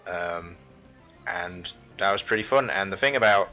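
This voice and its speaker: A man's voice: low-pitched, unhurried, sharp tone, highs cut off, faint music behind. A young man from the Isle of Man rambling through casual let's-play commentary, full of fillers and absurd made-up stories. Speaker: gaming commentator.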